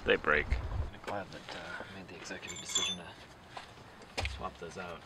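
A man's voice: sits low, steady tone, a little fast, heavy background noise. A young man chatting casually and swearing while he works on a car in a driveway outdoors, picked up by a camera on the ground. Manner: laid-back, swearing, dry. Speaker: car vlogger.

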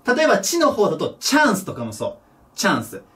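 A male teacher talks through a pronunciation lesson in a high, lively voice. His pitch rises and falls a lot, and he sinks to a low murmur when he repeats example words. The mic sits a little away from him. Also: fast talker. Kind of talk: recorded English pronunciation lesson. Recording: voice a bit distant from the mic.

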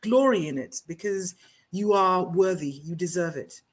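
A woman moderating a panel, warmly encouraging and effusive toward the speakers over a video call. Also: lowish voice, normal speed, husky.

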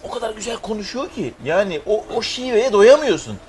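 A man hosting a casual chat with a high, lively voice that swoops up and down. He talks fast, tossing in enthusiastic remarks. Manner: enthusiastic, quick interjections.

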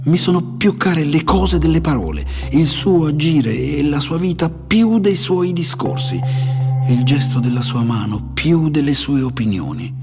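A man narrator voicing a serene, wise old male sage, speaking slowly and earnestly. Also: mid-range voice, lively intonation, over music, voice pushed up, natural voice. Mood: tender, earnest. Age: older. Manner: slow, measured, earnest.

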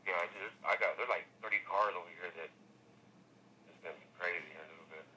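A man's voice: low voice, brisk, bright, forceful tone, slight background noise. A man working as a tow company clerk gives curt answers during a phone call, heard through a speakerphone. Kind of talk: phone conversation.

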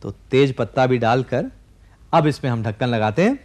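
A man's voice: medium pitch, lively intonation, normal speed, darkish tone. A man in his forties hosting a televised cooking demonstration in a studio kitchen, explaining each step directly to viewers. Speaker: TV cooking show host.

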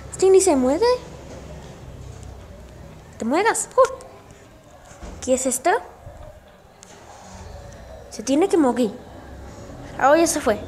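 A woman with a high, bright-pitched voice chats casually through her gameplay at an easy, slow pace. She is excitable, yelping and exclaiming often, and speaks straight to her viewers with shout-outs. A faint hum of noise sits behind her voice. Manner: excitable, with frequent yelps and exclamations. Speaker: gaming channel host.

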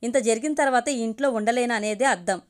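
Woman doing a fierce young mother, firm, emotional, high-ish voice. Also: quick pace, lightly acted. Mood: defiant. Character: defiant young woman protecting an adopted baby.

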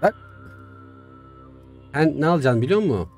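A young man giving casual, chatty commentary while playing a strategy game, talking to himself with excitable swings. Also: fairly high pitch, moderate pace. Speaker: gaming YouTuber. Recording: faint music behind.

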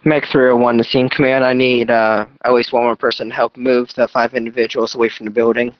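A man's voice: medium pitch, level tone, brisk, dry recording. A male medic giving terse, procedural reports over a two-way emergency radio. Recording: dull lo-fi radio transmission.

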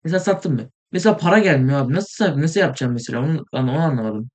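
A young man casually commenting on his gameplay, rambling and excitable, sometimes mumbling, saying he is tired. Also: a little high, racing. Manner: rambling, excitable, swears in frustration, trails off into mumbling. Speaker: gaming video host.

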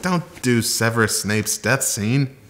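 A man's voice: medium pitch, animated, takes it slowly, fairly bright tone, a little hiss or hum. A man in a comedy sketch, pleading and exasperated with his friend. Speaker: sketch partner. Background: music.

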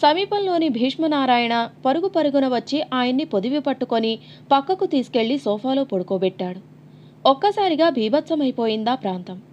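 A woman with a high voice narrates a novel for an audiobook. She tells it dramatically and expressively, and the recording sounds slightly dull and lo-fi. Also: a little mellow, a little hiss or hum.

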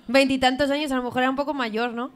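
A woman co-hosting a live comedy show, making quick, teasing remarks. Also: high voice, steady tone, a little hiss or hum.

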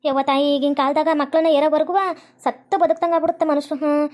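A woman's voice: high-pitched, little pitch movement, darkish tone, lightly acted. A woman playing a chatty, worried middle-aged village mother. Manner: chatty, fussing, quick-talking. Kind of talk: comedy skit acting.

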